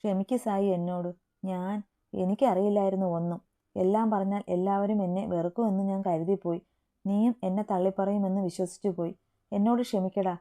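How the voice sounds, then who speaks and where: A woman's voice: medium pitch, steady tone, a little fast, mellow, natural voice. Woman reading a remorseful young man pleading. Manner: pleading, broken.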